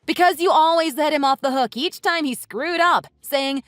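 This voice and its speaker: A woman voicing a furious wife who mocks and cuts into her in-laws with sarcasm, over soft music. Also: high-pitched, normal speed, dry recording. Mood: sarcastic. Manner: sarcastic, cutting, mocking. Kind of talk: read-aloud text-message story. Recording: dry voice with soft music underneath.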